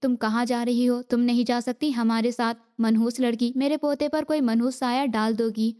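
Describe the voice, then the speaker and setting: A woman's voice: a little high, level tone, warm tone, natural voice. A woman reading the part of a harsh, scolding mother-in-law in an audiobook. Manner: scolding, angry.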